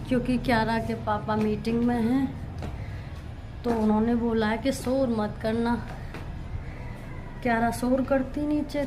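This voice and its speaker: A woman with a fairly high voice narrates her day in a casual family vlog, talking straight to her viewers. She films on a handheld phone around her home, with faint household noise behind her. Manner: chatty, talks straight to viewers. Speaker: vlogger mother. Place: at home, later on the rooftop. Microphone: handheld phone camera.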